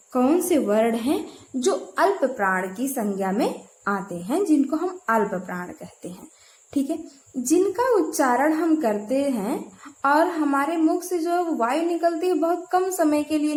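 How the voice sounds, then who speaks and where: A woman's voice: high-pitched, a little mellow. A woman teaching a grammar lesson, asking her own questions and repeating key terms to drill them. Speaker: Hindi teacher. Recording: echoey room.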